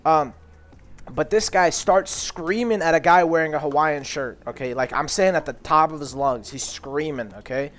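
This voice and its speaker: A young man co-hosting a casual podcast, telling a rambling, profane story and loudly acting out the people he quotes. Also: on the high side, moderate pace. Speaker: podcast co-host.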